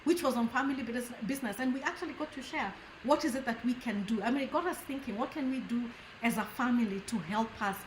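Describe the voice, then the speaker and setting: A woman pastor hosting a casual chat, speaking earnestly and gratefully with frequent pauses and fillers. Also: fairly high pitch, a little hiss or hum. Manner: earnest, thankful, hesitant with fillers. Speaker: pastor and host. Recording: echoey room.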